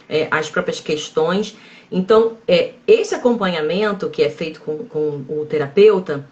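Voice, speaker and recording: A woman psychologist explaining calmly in a live-stream conversation, measured and often checking in with tag questions. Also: mid-range voice. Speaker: psychologist guest.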